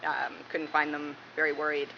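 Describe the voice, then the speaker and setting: This woman, a police dispatcher from Massachusetts in the United States, speaks low and flat at a moderate pace while being interviewed casually. Her answers come through a muffled recording with obvious room noise.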